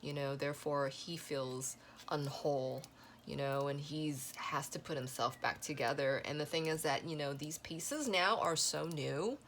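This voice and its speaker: A woman giving a casual spoken tarot reading, rambling with many fillers and a voice that is going hoarse. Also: sits low, unhurried, fairly bright tone, slight background noise. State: losing her voice. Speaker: tarot reader.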